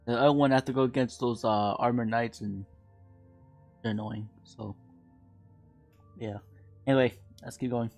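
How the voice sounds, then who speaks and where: Casual male gamer host, rambling let's play commentary with hiccups, mid pitch, faint music behind. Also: fairly even intonation, darkish tone. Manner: rambling, many filler pauses. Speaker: gaming channel host.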